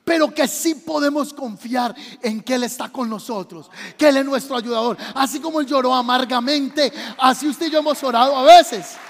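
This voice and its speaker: Colombian male pastor, very high voice, repetitive call-and-response preaching, church hall reverb. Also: normal speed, few pauses. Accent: Colombian Spanish. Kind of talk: sermon.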